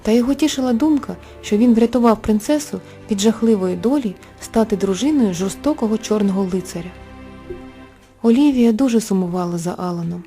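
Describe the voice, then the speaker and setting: Mellow-voiced woman telling a fairy tale. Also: mid-range voice, brisk. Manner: gentle, expressive storytelling. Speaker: narrator. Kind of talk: scripted fairy-tale narration. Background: soft background music.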